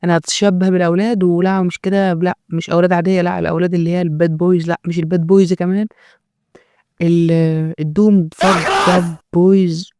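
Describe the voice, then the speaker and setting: A man's voice: sits high, flat delivery, very fast, dark tone, clean tone, dry recording, clean studio sound. A man with an Egyptian accent giving natural unscripted, joking commentary as a host, in a mocking, rambling way.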